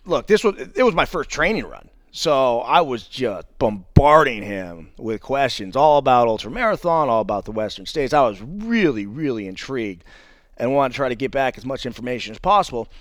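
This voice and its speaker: A man tells the story of his own race in a casual, easygoing way, cracking jokes and reaching for playful euphemisms. His voice sits at an everyday middle pitch. The sound is close and dry, with no room echo. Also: sing-song, normal speed, fairly bright tone. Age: adult father of three. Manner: conversational and jokey, with playful euphemisms; often opens sentences with "now". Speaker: ultramarathon runner telling a race story. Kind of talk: casual first-person race recap.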